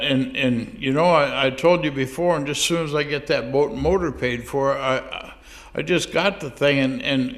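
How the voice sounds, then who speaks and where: Lightly acting in a mid-range voice, a man plays a sheepish churchgoer calling God. The comic monologue is full of stammering, hesitation, and repeated restarts as he makes his excuses.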